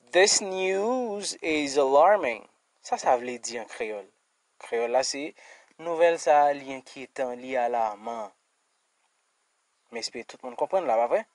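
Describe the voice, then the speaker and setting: A man with a Haitian accent teaching an English lesson, slowly repeating words and checking in with "d'accord?" and "hein". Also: fairly high pitch, a little mellow, no echo. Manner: slow, repeated word-by-word pronunciation drills.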